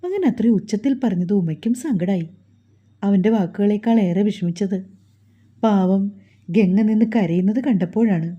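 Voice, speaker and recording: A woman narrating a story in a steady, measured way, on a dull lo-fi recording. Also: mid-range voice, slightly rough.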